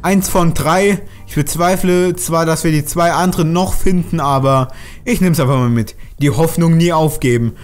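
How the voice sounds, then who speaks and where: A man's voice: medium pitch, darkish tone. A man commenting on his own play in a let's play, chatty, grumbling and swearing at enemies as he goes. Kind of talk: gaming commentary.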